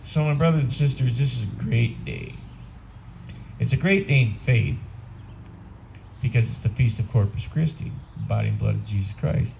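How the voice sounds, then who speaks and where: A man's voice: mid-range voice, expressive, normal speed, creaky, long pauses, warm tone, a little hiss or hum. A man in his sixties, a priest with an Upper Midwest American accent, giving a conversational, plain-spoken homily on an outdoor patio, recorded by a far camera. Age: 60s. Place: outdoors on a garden patio under a canopy.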